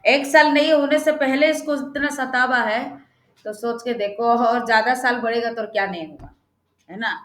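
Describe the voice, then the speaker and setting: A woman's voice: on the high side, normal speed, a bit bright. A woman leading an online prayer meeting, talking in a chatty way and often asking her listeners to agree. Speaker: prayer leader. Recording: roomy echo.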